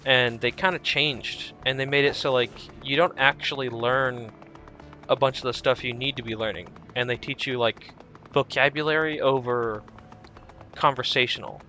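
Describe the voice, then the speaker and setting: A man's voice: medium pitch, fairly even intonation, normal speed, pushed and bright, soft background music. A young man streaming a video game, chatting in a rambling, easygoing way with lots of restarts. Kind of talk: casual chat while streaming a game.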